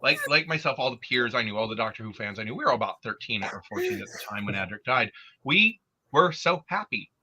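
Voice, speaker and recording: Forceful, jokey man in his 50s. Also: mid-range voice, fast, slight background noise. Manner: animated, jokey storyteller. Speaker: podcast co-host and writer. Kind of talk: casual panel chat. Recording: dull lo-fi audio.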